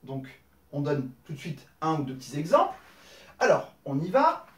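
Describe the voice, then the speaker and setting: A man's voice: a little high, big pitch swings, normal speed, roomy sound, distant mic. A man teaching a language lesson at a whiteboard, explaining step by step and often checking in with "d'accord?". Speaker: Arabic teacher.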